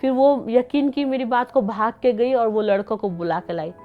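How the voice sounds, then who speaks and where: A woman's voice: on the high side, normal speed, phone-quality sound. A young woman, an interview guest, giving an emotional personal account and acting out both sides of the dialogue as she tells it.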